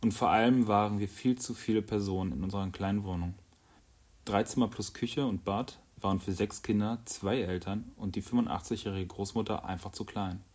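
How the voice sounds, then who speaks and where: A man with a fairly low voice reads a first-person audiobook. His delivery is calm and even, steady storytelling throughout. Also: a little fast. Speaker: audiobook narrator. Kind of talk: scripted first-person narration.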